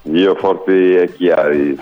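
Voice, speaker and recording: Man, on the phone, very low voice, hesitant with fillers, muffled lo-fi line. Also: fairly even intonation, slow, no echo, faint music behind. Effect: heard over a phone line. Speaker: musician guest. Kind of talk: casual interview chat. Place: home kitchen.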